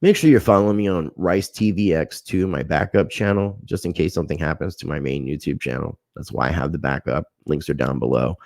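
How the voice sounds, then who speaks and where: Deep gravelly man hosting a livestream. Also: fairly quick, hardly any pauses, darkish tone, no room sound, clean studio sound. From United States. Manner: aggrieved, thanks viewers by name. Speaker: livestream host. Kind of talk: casual livestream chat reading comments.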